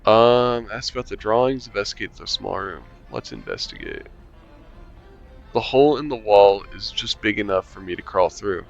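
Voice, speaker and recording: Here a man with a low-leaning, creaky voice reads through a visual novel in a relaxed let's-play, laughing and tossing in dry remarks. His pitch swings widely at a moderate pace, over soft game music on slightly muffled audio.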